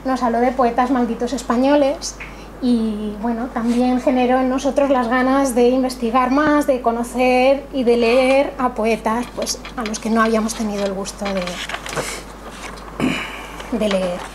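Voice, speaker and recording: Welcoming guests to a literary event at her small cultural café, the host thanks everyone with gratitude, a conversational tone and a touch of nerves. Her voice is on the high side, with fairly even intonation and a moderate pace, recorded amid noisy room ambience.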